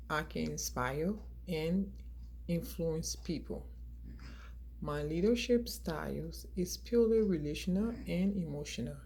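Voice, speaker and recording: Slow deep-ish woman, 40s, from liberia, reading her class slides, some restarts, noisy recording. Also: warm tone. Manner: reads from slides with small restarts. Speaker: graduate student.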